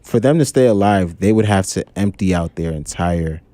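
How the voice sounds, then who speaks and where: Deep, dark-voiced man, hesitant guest. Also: lively intonation, normal speed, dry recording. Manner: hesitant, fills with um and right. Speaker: guest, trading educator. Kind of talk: casual interview chat.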